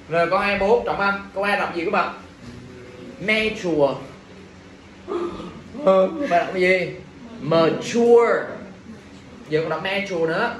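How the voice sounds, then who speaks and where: A man leads an exam review lesson, bright and high in pitch. He jokes with the students and keeps asking them questions. The classroom sounds echoey, with faint background noise. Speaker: English teacher.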